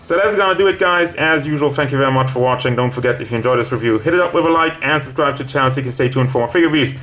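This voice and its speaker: A man's voice: mid-range voice, racing, a bit bright. Rambling casual male toy reviewer. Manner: rambling, casual, self-correcting. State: hot, sweaty and out of breath.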